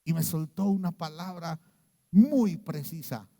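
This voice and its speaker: Preaching a little slowly in a large hall, this Mexican-accented pastor narrates a story within his sermon. When he mimics a character his voice sinks to a hushed low, and he frequently asks "¿sí?" to keep listeners with him.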